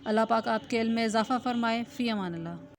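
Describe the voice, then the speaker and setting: Woman maths teacher, recorded online class, higher voice, methodical step-by-step explaining. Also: fast. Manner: step-by-step explaining with check questions and "theek hai ji".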